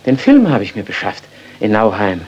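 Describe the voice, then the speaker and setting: A man's voice: fairly low pitch, wildly swooping pitch, normal speed, a little mellow, husky, exaggerated voice. An actor playing a guilt-haunted male doctor, intense and brooding, in 1930s radio-drama acting. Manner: intense, brooding, rising to outbursts. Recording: dull 1930s radio recording.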